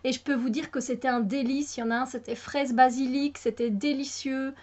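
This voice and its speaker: A woman's voice: high-pitched, steady tone, a little fast, a little mellow, dull audio. A woman from Belgium with a Belgian French accent, chatting casually to her viewers, full of fillers and restarts. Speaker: YouTuber. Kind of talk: casual chat to camera.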